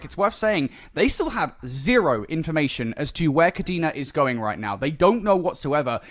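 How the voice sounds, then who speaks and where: Excitable male esports caster, slightly higher voice. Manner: excitable, exclaims loudly at big plays. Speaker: esports commentator. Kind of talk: live esports play-by-play and analysis.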